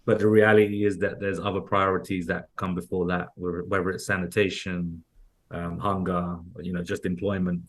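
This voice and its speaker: This man from London, speaking with a London accent, is an interview guest in casual conversation. His low voice stays fairly level in pitch at a normal speed, and his talk is loose and rambling, full of restarts and fillers.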